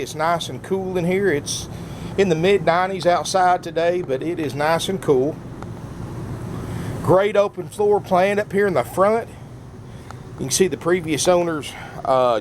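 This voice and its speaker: A man with a fairly high voice delivers a casual, folksy sales pitch on video. His words come out a little slurred, as if half his mouth is still numb from the dentist. There is clear engine-like noise behind him. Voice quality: slightly slurred speech from a numb mouth after dental work. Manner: folksy, often addresses viewers as "folks". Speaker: RV salesman presenting a used motorhome. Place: outdoors at an RV lot, then inside the motorhome. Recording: noisy outdoor handheld video, engine rumble. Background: running generator and air conditioners.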